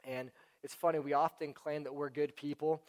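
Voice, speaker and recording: A man's voice: a little high, flat delivery, moderate pace. A young man giving a casual sermon, talking conversationally with many fillers. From Houston area, United States.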